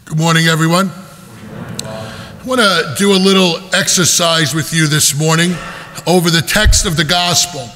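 A man's voice: on the high side, steady tone, moderate pace, pushed and bright, a little hiss or hum. A male priest giving a conversational homily in a church, explaining scripture verse by verse like a teacher. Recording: long church reverb.

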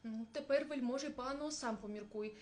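A woman's voice: a little high, normal speed, a little mellow, lightly acted. A woman voicing a small, clever hare who speaks as politely as he can. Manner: polite, pleading.

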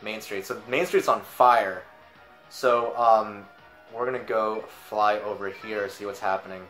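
Young guy doing let's play commentary, lowish voice, roomy echo, game music faint behind. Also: fairly even intonation, unhurried, fairly bright tone. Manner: casual, chatty, reads game text aloud. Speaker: gaming channel host.

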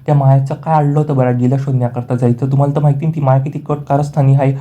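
A young serial heroine, defiant and accusing, read aloud by a man. She speaks in a quick run of words with very little melody. The tone stays deep and dark throughout. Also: natural voice. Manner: flatly read, with little change from narration.

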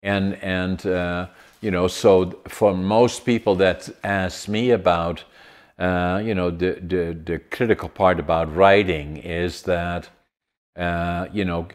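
A Dutch man in his eighties, speaking with a Dutch accent, hosts a podcast as a casual interview over a video call from a home room with a large window. His voice is low and his intonation fairly even, and he speaks slowly with many fillers and restarts.

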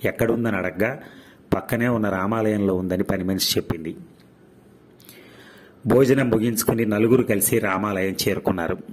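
Guy reading a story out loud, low husky voice, steady. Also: normal speed, long pauses. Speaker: story reader. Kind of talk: storybook narration.

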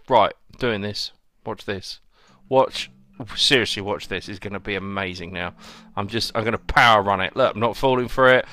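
A young man commentates his own video game playthrough in a chatty, sarcastic way, speaking straight to his viewers. His pitch swings all over the place, and his voice is bright and forceful. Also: dry recording. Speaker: host playing a video game. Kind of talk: let's play commentary. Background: faint game music.

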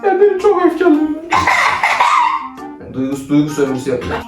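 A man's voice: very high voice, wildly swooping pitch, fairly quick. A young man bossily directing his little sister through a playful skit, teasing her and often laughing. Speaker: older brother directing a skit. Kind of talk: playful sibling role-play skit. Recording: roomy, from a distance, faint music.

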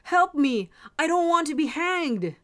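A woman voicing a condemned young male soldier who shouts and pleads urgently from his cell. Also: sits high, sing-song, measured pace, voice pushed up, exaggerated voice. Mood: panicked.

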